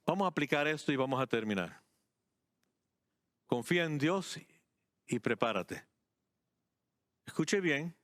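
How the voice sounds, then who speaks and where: A man preaching a sermon as pastor, emphatic, repeating key phrases and moving between slow, deliberate words and quick bursts. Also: mid-range voice, fairly bright tone, no room sound, studio quality.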